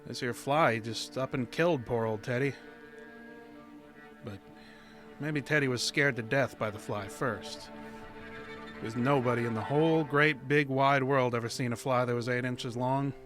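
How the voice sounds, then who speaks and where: A man's voice: medium pitch, a little slow, pauses often, a bit bright, faint music behind, lightly acted. A man playing a folksy small-town fellow. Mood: narrating. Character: small-town young man Buck, narrator, jokey then uneasy. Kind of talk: old-time radio drama acting.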